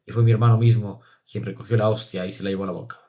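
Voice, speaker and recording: A man narrating a literary audiobook in a measured, solemn, expressive reading. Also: fairly low pitch, muffled recording.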